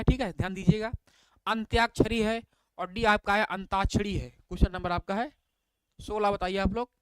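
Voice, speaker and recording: Man, online tutor, fairly high pitch, clear and crisp, repetitive questioning, praises students by name. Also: a bit bright, no echo. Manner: repetitive questioning, addresses viewers as bhaiya; reads out answer options, praises viewers by name. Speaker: teacher. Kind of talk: live online exam-prep lesson.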